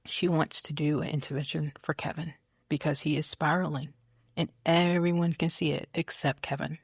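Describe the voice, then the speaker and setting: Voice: medium pitch, level tone, normal speed, creaky, husky, no echo, clean studio sound. An American podcast host recapping a TV soap in casual, opinionated chat, with many fillers and restarts.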